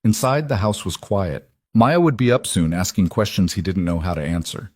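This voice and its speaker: A man narrating a scripted dramatic story in an even, measured way. His voice is low and husky. The recording is dry and close, with no room sound. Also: dry recording.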